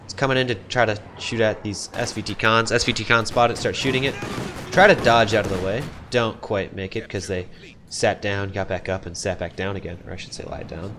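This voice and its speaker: A man with a low voice calls a strategy game match on his own, relaxed and chatty, thinking out loud and second-guessing his calls. Loud gunfire and artillery from the game sound behind him throughout. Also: a little fast, noisy background. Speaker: game caster. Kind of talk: solo esports play-by-play commentary.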